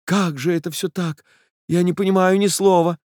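Excitable young woman done by a male reader, quick eager exclamations, close dry storybook reading. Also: sits high, no echo, pitched above the performer's own voice, lightly acted. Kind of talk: audiobook character voice.

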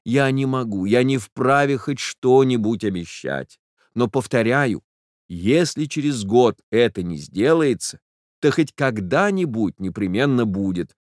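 A man voicing a gentle, earnest young suitor who speaks softly, slowly and solemnly. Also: mid-range voice, expressive, no echo, studio quality, natural voice. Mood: tender. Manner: soft, slow and solemn.

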